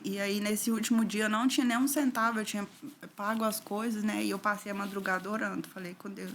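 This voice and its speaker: A middle-aged woman from Brazil recounts her own painful past in an interview. She talks at an ordinary middle pitch, and her voice falls quiet and near tears whenever the memories hurt. A faint noise sits under the recording. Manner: tearful, voice drops low and soft at painful moments. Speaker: interview guest. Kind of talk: emotional personal testimony.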